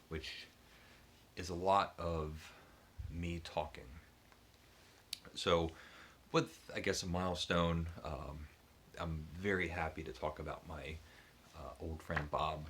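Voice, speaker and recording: A man's voice: low-pitched, a bit bright, slight background noise. A man hosting his book channel, casually telling a personal story to the camera with many ums and restarts. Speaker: booktube channel host.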